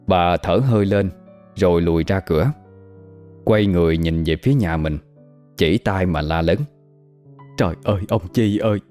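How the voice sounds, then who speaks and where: Low-voiced male ghost-story narrator. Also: normal speed, long pauses, a little mellow, smooth. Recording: faint background music.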